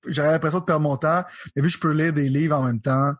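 Husky Québécois man ranting about games. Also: fairly high pitch, steady tone, fast. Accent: Québécois French. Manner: loose, profane, mixes English words into French. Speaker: podcast co-host. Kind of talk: casual chat about video games.

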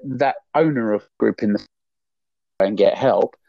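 During a casual podcast conversation, this co-host goes on an exasperated, meandering rant with some cursing. He has a lowish, creaky, mellow voice and an unhurried pace, and the dull lo-fi recording is dry, with no room sound.

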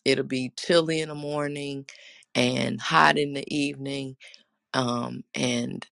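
Raspy, gravelly devotional speaker. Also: medium pitch, steady tone, takes it slowly, fairly bright tone, no room sound, clean studio sound. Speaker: host of a faith talk. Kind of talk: devotional talk and prayer.

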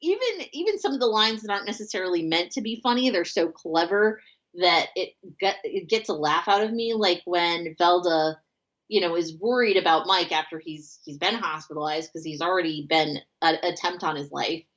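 A woman's voice: on the low side, normal speed, a bit bright, highs cut off. A woman chatting casually about a film she loves, full of "like" and "you know". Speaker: podcast co-host.

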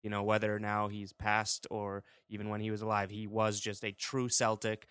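A man's voice: on the low side, completely flat delivery, moderate pace, fairly bright tone, clear, resonant tone, no room sound, studio quality. A man talking casually as a guest on a sports podcast, often dropping in "like" as he goes. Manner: peppers speech with "like".

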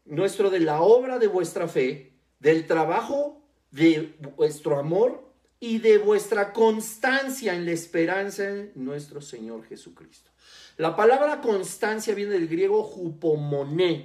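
Emphatic preacher in an echoey room. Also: medium pitch. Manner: emphatic, repeats key words slowly. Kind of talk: sermon. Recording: roomy echo.

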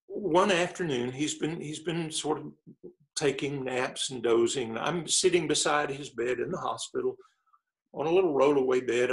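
Halting, soft-spoken preacher man. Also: medium pitch, vocal fry. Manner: halting, with many repeated words. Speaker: preacher guest. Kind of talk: conversational storytelling.

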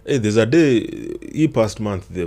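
A man's voice: on the low side, lively intonation, moderate pace, dark tone. A man with a Kenyan accent talking casually, switching between slang and English and repeating words for emphasis. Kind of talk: casual chat mixing Swahili slang and English.

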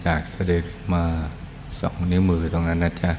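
A man leads a guided meditation in a deep, level voice. His delivery is soothing and hushed, stretching out words and leaving long pauses. A light noise sits behind him. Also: monotone. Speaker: Buddhist meditation teacher leading guided meditation.

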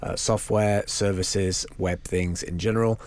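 A man co-hosting a podcast, chatting in a relaxed way and laughing easily. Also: low-pitched, a little slow. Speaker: podcast co-host. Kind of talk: casual chat.

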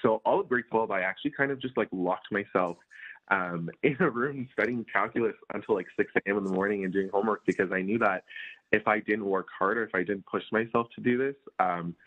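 Young guy from india, deep voice, lots of likes and ums, tinny call audio. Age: early 20s. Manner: rambling, full of "like" and "um". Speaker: guest. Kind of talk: casual interview answers. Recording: phone-like remote call audio.

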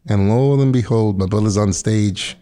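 A man's voice: on the low side, moderate pace, warm tone. A man in his early fifties with a Queens, New York accent, chatting casually as an interview guest. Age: early 50s. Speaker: guest, firefighter and actor.

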